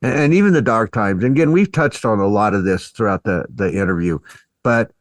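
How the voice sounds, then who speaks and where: A man's voice: on the low side, expressive, a little fast, dry recording. A man hosting a music podcast, asking his guest about band life in an easygoing way and laughing along. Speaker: podcast host, interviewer. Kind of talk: interview questions.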